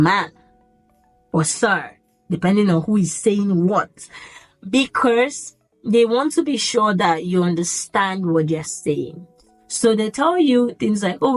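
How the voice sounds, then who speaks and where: A woman vlogger telling her own story in a casual, animated way, jumping into the voices of the people she quotes. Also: on the low side, rough recording. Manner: animated, acts out the yelling in quotes. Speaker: vlogger recounting her military training.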